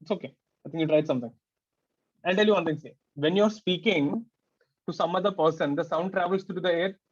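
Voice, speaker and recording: High-voiced teacher lecturing. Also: male voice, fairly quick, breathy edge, dull audio. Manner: conversational, asks students frequent rhetorical questions. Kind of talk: explanatory class lecture.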